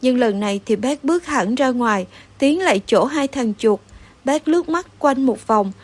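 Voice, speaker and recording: High-voiced woman reading a story. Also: animated, normal speed. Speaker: narrator.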